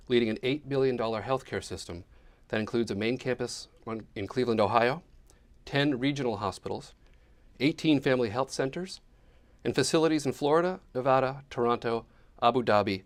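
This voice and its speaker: A man of middling pitch introduces a guest speaker at a lecture, reading from prepared remarks. His delivery is formal and measured. The talk carries the feel of a public event. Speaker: series director introducing guest. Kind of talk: scripted introduction. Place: lecture hall before a live audience.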